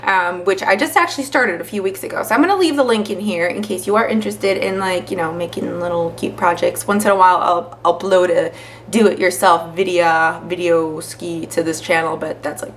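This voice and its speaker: A young woman chatting to the camera as a vlogger, telling stories with lots of fillers in an animated way. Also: medium pitch, a little hiss or hum. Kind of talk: casual chat to camera.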